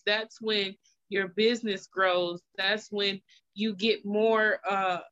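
A woman's voice: mid-range voice, little pitch movement, slow pace, fairly bright tone. A woman in her thirties hosting a podcast, speaking in an encouraging, reassuring way in a casual interview. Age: 30s. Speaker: podcast host. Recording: slightly muffled lo-fi audio.

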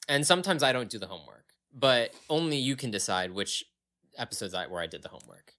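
A man's voice: mid-range voice, animated, fast talker, bright, forceful tone. A man co-hosting a podcast, chatting casually and teasing his friends playfully. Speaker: podcast co-host. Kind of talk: casual chat.

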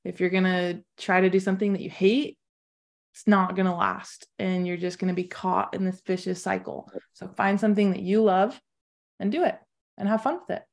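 A woman fitness coach giving relaxed, encouraging advice in a podcast chat. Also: medium pitch, normal speed, vocal fry. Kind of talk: casual roundtable chat.

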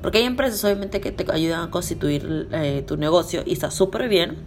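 Hoarse, low-voiced Peruvian woman. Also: animated, brisk. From Peru. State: sick, hoarse voice. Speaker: podcast host. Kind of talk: casual informational podcast talk. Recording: clear background noise.

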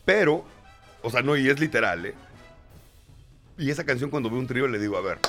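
Mexican guy hosting, jokey and animated, raspy voice, faint music behind. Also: mid-range voice, fairly quick. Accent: Mexican Spanish. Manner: joking, animated, reads listener messages. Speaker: radio host. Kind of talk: casual radio chat.

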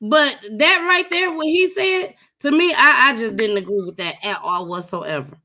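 A woman's voice: high voice, normal speed, pushed and bright. A woman co-hosting a podcast in casual chat, blunt and emphatic, repeating points for her listeners. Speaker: podcast co-host.

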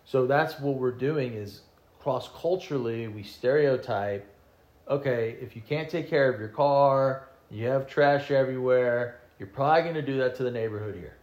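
A man's voice: medium pitch, normal speed, darkish tone, lo-fi sound. Musing man in an echoey room. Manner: musing, trails off and restarts. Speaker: podcast co-host. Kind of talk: casual discussion. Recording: roomy echo.

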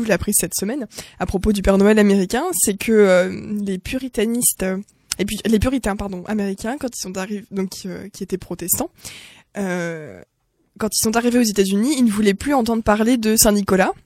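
Lively exclaiming woman in group chat. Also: medium pitch, fairly quick, no room sound, studio quality. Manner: lively, exclamatory, many fillers.

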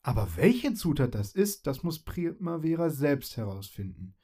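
A man's voice: on the high side, sing-song, normal speed, mellow, husky. A man voicing a sensible, take-charge female autumn fairy in a storybook reading, practical and earnest.

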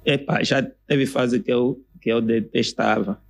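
A young man with an Angolan Portuguese accent, a comedian chatting as a podcast guest, telling stories in an animated way and jumping into high voices to quote people. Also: measured pace, vocal fry. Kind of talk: casual podcast chat.

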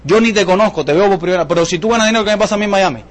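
Fast, animated male sales presenter. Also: high-pitched. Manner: animated, joking, asks the audience questions. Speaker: business presenter at a sales seminar. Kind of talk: lively motivational sales talk to a live audience.

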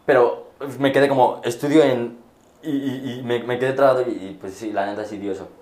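A man's voice: mid-range voice, steady tone, fairly quick, a little mellow, reverberant. A young man, a university student, chatting casually and hesitantly with lots of fillers and restarts. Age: young adult. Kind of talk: casual chat.

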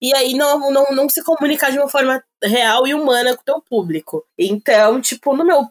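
A woman guest on a podcast, chatting casually and speaking in lively, quick bursts. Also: high voice.

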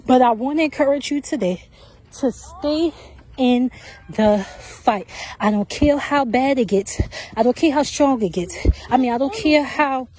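A woman's voice: sits high, moderate pace, a little mellow. A woman podcast host, out of breath from walking outdoors on a track, giving casual, repetitive faith encouragement. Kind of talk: faith-based encouragement talk.

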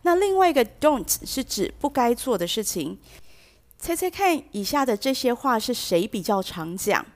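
With a voice on the high side and big swings in pitch, a female language teacher hosts a bilingual English lesson at a moderate pace. She explains things patiently, drops English phrases into her talk, and performs example sentences while moving the stress around.

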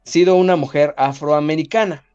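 A man with a Mexican accent and a slightly high, clean voice hosts a podcast at a moderate pace, the recording muffled with soft music behind him. He's animated and jokey, chatting casually and reading out listener comments.

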